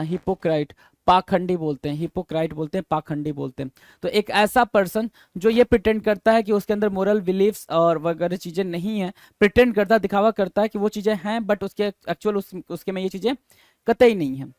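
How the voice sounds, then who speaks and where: A man teaches exam vocabulary, moving between Hindi and another language, in a fairly high voice with a darkish tone and a slightly fast pace. He drills each answer repeatedly, spells words letter by letter and asks the viewer questions he then answers himself. The recording is close and dry, with no echo or room sound.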